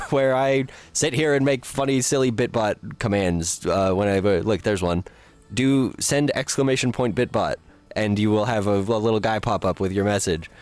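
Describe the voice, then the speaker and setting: A man streaming live, chatting casually with viewers and thinking aloud as he builds. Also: lowish voice.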